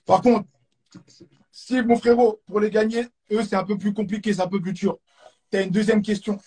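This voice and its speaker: A man's voice: sits high, steady tone, moderate pace, warm tone, slightly rough. A man with a French accent hosting a live stream quiz, hyped, repeating catchphrases and throwing in English exclamations. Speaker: host of a live stream show. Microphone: phone or webcam on a live stream.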